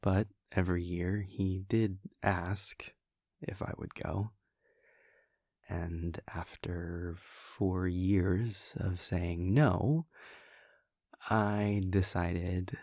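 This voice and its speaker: In this intimate roleplay, a man voices a playful, wryly reflective vampire prince who acts as an affectionate boyfriend, his mood wistful and his tone steady. His low, creaky, exaggerated voice moves slowly and softly, hesitant and chuckling in a conversational way. A close, dry studio-style microphone with no room sound makes it feel like a private talk with a partner.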